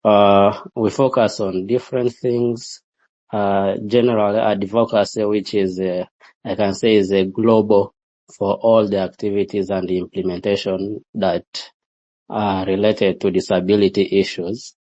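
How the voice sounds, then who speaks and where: A man speaking as a guest in a panel discussion, halting with many filler sounds. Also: lowish voice, little pitch movement, dark tone. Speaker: executive director, guest. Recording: dull lo-fi sound.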